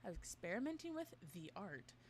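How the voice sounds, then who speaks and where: A woman's voice: mid-range voice, very animated, brisk, a little hiss or hum. A woman reading an in-game journal aloud in a mock-formal way during a casual game stream with a friend. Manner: reads text aloud with mock-formal delivery, breaks into laughs and chat. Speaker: co-host playing a game.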